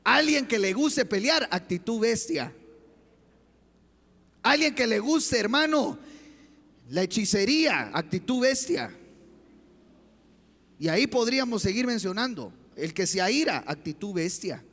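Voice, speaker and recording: A man's voice: high-pitched, very animated, measured pace, pauses often, fairly bright tone. A man preaching a sermon as pastor, impassioned and full of rhetorical questions, in a church. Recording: long church hall reverb.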